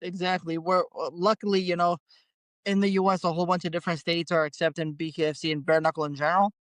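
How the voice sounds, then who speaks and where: A man's voice: on the high side, level tone, quick pace, a bit bright, smooth, no room sound. A man being interviewed as a bare knuckle fighter, talking in an easygoing way and laughing often. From Canada. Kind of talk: casual interview.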